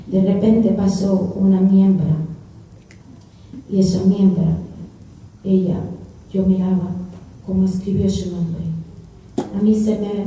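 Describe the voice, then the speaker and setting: A woman's voice: medium pitch, warm tone. A woman giving testimony of a spiritual vision to a church congregation, retelling the dialogue earnestly in repeated phrases. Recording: very echoey hall, voice from far off.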